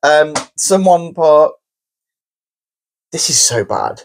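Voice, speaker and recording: A man hosts a casual podcast, reading out messages and chatting in an animated, giggly way. His pitch rises and falls a lot. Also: slow pace, a little hiss or hum. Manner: animated, giggly, reads listener messages aloud. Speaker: podcast co-host. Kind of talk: casual chat.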